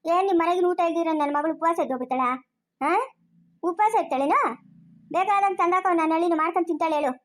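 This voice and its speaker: A woman with a rural Chikkaballapur Kannada accent performs a comic village family skit. Her voice sits very high and she talks quickly. She argues and scolds in rapid back-and-forth.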